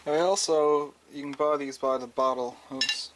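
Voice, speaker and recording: A man casually narrating a food review in an unhurried, hesitant, low-key way. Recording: clear steady background noise.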